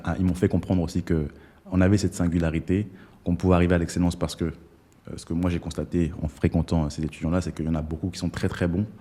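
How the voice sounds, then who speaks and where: A man's voice: deep voice, dark tone, breathy edge. A young man from Togo hosting an interview, speaking casually with frequent fillers and restarts. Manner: hesitant, many fillers and restarts. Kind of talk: conversational interview.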